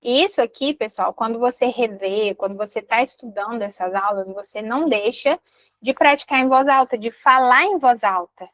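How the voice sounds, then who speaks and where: Young Brazilian woman, English teacher, online lesson, animated, models pronunciation slowly, dry close sound. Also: on the high side, no room sound, poor audio. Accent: Brazilian Portuguese. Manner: lively, explains slowly, models English words carefully.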